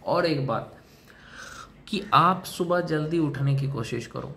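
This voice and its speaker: Man, slightly raised pitch, lecturing straight to camera, repeats his rules, calls the viewer brother. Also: takes it slowly, gravelly, fairly bright tone. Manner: lecturing, repetitive, addresses listener as brother. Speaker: self-help video host. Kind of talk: direct-to-camera advice monologue.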